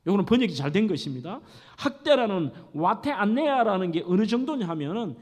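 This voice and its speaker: Animated middle-aged male pastor preaching. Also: high voice, a little fast. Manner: dramatic storytelling, acting out scenes. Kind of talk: sermon. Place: church sanctuary. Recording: echoey church hall.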